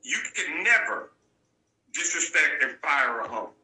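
A man speaks as a guest in a candid interview, with a forceful, bright edge and a slightly high pitch. He talks bluntly and hammers his points home by repeating them. The room gives his voice a noticeable echo. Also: big pitch swings, unhurried. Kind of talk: candid storytelling.

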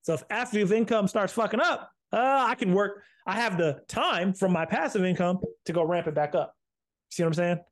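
A man co-hosting a podcast in casual chat, talking in animated bursts, repeating himself and swearing casually. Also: high-pitched, moderate pace. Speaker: podcast co-host.

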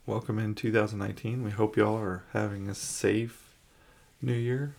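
A man's voice: fairly low pitch, steady tone, moderate pace, creaky, a little mellow. A man co-hosting a casual home podcast, joking and laughing while he sneezes and coughs with a runny nose. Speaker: podcast co-host.

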